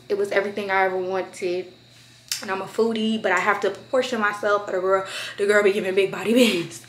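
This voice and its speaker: A young woman chatting to her camera at home in a slangy, expressive way. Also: mid-range voice. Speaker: vlogger. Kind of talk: casual chat to camera. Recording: roomy echo.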